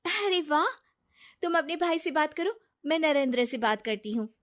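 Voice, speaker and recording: A woman voicing a trusting, kind-hearted young wife who speaks earnestly and gently. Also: high-pitched, lively intonation, normal speed, voice pushed up.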